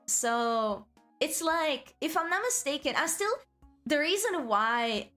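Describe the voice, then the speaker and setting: A woman chatting casually on a livestream as a cute anime-style VTuber host, rambling and excitable. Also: high voice, takes it slowly, faint music behind. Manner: rambling, frequent "like" asides.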